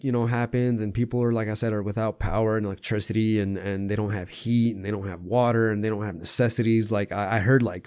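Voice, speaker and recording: A man's voice: lowish voice, darkish tone, no echo, studio quality. A man hosting a podcast, talking in a casual, rambling monologue full of "man" and "you know what I mean.". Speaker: podcast host.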